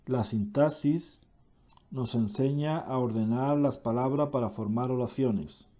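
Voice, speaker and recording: A man reading a grammar lesson aloud, slowly and deliberately, correcting himself now and then. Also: medium pitch, warm tone, muffled recording.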